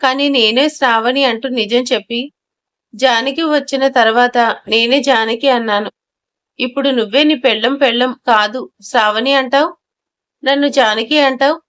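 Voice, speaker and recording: A scheming young impostor spins her story in a fairly high voice, read by a woman narrator. She talks in a sly, pleading way. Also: normal speed, a bit bright.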